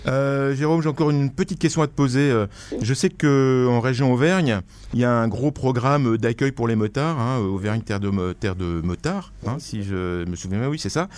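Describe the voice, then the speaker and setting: A man in his fifties asking questions in a radio studio, frank and quick when he presses a point. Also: medium pitch, a little mellow, no echo. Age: 50s.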